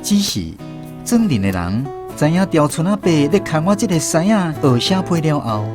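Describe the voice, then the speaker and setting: With music playing beneath, an actor with a Taiwanese accent tells a radio drama in first person, reflecting as a grown-up on growing up in a village. He uses his natural mid-range voice, sing-song and at a moderate pace.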